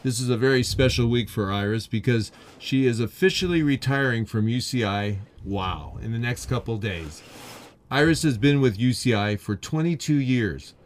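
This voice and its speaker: A man's voice: medium pitch, lively intonation, moderate pace. A man hosting a radio interview, who reads a prepared introduction and asks friendly questions. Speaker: radio show host, Toastmasters club president.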